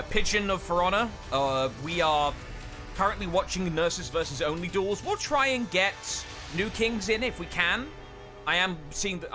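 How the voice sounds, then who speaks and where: A man casting a live game stream in casual chat, reading chat aloud with quick asides. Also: a little high, sharp tone. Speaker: esports caster.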